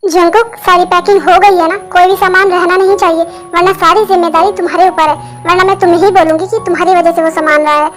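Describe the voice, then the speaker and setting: A woman voicing a caring young sister-in-law who reasons gently and persuasively, in a Hindi fan dub. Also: extremely high pitch, fairly even intonation, fast talker. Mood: bossy. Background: background music.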